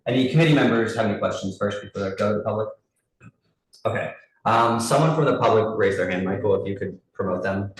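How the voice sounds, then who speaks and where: A man chairing a public committee meeting over a group video call, briskly reading out license terms and calling a vote. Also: lowish voice. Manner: brisk, businesslike, reads lists with small restarts. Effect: heard over a group video call. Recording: very roomy echo from a distant mic, faint noise.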